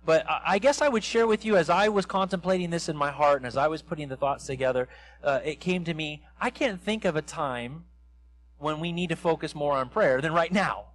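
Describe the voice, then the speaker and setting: A man's voice: on the high side, fairly quick, low-quality recording. A man in his forties preaching an interactive sermon in a church sanctuary, quizzing the congregation as he walks about. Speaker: pastor.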